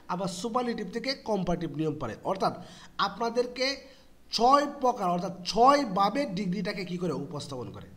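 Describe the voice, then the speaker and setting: A man's voice: high-pitched, a bit bright. A man teaching English grammar to students. He keeps asking rhetorical questions, answers them himself and spells words out letter by letter. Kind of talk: explanatory lesson for students.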